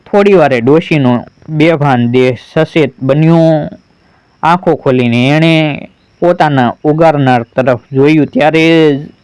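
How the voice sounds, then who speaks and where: A man narrating a folk story in a slow, deliberate, dramatic manner. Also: a little high, a little mellow, clear, resonant tone, dry recording, poor audio.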